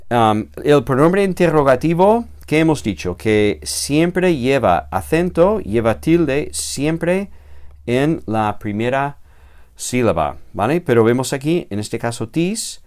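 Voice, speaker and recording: Patient male teacher with a smooth voice. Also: mid-range voice, expressive, slow, darkish tone. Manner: patient, explanatory, repeats key words, tag "¿vale?". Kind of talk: recorded grammar lesson.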